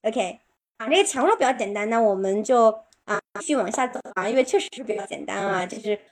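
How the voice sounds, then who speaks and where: Female pronunciation teacher, slightly high voice, patient live-stream explainer who slows down to model example sentences. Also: expressive. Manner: explains patiently, with many drawn-out filler particles.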